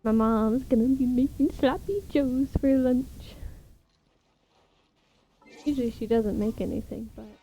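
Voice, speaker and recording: Mellow, gravelly young woman streamer. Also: fairly high pitch, unhurried, long pauses, slight background noise, rough recording. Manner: chatty, grumbling at the game. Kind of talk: casual gameplay commentary.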